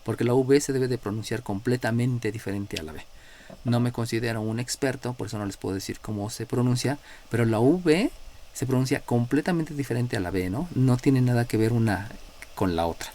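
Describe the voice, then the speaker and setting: A man's voice: medium pitch, a little fast, dark tone, a little hiss or hum. A man with a Mexican accent lecturing as a math teacher in a live class, explaining step by step and checking in with his students. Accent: Mexican Spanish. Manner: explanatory, checks in with frequent "¿no?", calls on students by number.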